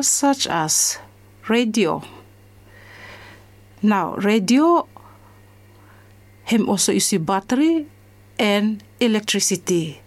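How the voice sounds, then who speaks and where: Slow-paced Solomon Islands woman teacher. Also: medium pitch, darkish tone. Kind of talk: school lesson in English mixed with Solomon Islands Pijin.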